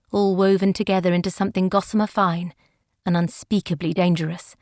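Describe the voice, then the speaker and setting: A woman reading a romance novel aloud in a measured, gentle manner. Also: medium pitch, dry recording. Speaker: audiobook narrator. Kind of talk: scripted narration.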